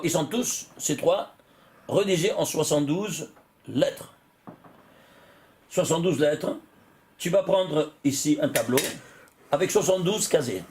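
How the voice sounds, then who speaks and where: A man, a rabbi, teaching a Torah lesson, chuckling often, restarting phrases and checking that his listeners follow. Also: high-pitched. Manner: talks directly to listeners, checking they follow; chuckles often while explaining.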